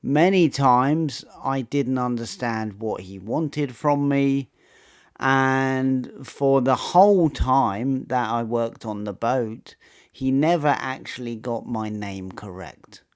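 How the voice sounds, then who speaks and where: A man narrating a true personal story in a measured, matter-of-fact scripted way. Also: medium pitch, clear, resonant tone.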